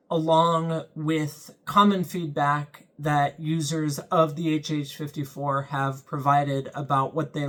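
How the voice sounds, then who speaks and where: Hosting his own channel, a young man gives a relaxed, sincere review of a weather radio in straightforward language, often saying um. His voice is a little high and a bit bright.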